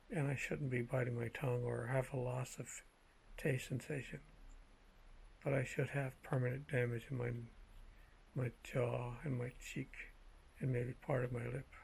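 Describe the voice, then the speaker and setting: A man speaking in a measured, halting way with a gravelly, husky voice, telling personal anecdotes in a casual monologue. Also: mid-range voice, a little mellow, rough recording. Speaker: vlogger telling personal stories.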